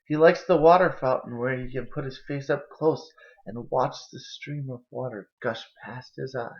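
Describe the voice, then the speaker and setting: Recorded on a camera mic inside a kitchen and living room, the audio is dull and lo-fi. A young adult man acts as a storybook reader, telling a children's picture book aloud at a moderate pace and medium pitch.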